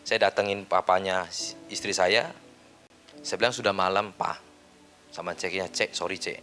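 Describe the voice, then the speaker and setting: A middle-aged male pastor with a bright, forceful voice, preaching through personal stories. He leaps from loud, high exclamations down to hushed asides. Faint music sits under his voice. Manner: animated storytelling, swinging between loud outbursts and quiet asides.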